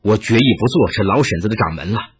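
一位男子演绎一位温和而坚定的年轻剑客，嗓音沙哑，语气低沉恳切，录音音质发闷。. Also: male voice, expressive, fast talker, slightly rough, muffled recording. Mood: earnest. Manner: low, soft, earnest pleading. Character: earnest young male swordsman, gentle and resolute.

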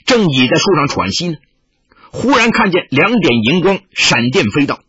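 A man narrates a novel with dramatic, expressive delivery and a lively pitch. His voice is very husky and breathy. The recording is dry and muffled. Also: normal speed, no room sound. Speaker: storyteller. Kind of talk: audiobook reading. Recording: dull lo-fi recording.

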